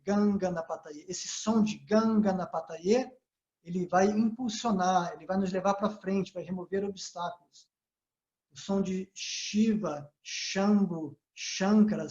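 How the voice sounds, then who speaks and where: A man giving a calm spiritual lesson, often checking in with his listeners as he explains. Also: high-pitched. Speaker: yoga teacher. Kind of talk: spiritual talk. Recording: echoey, slightly dull sound.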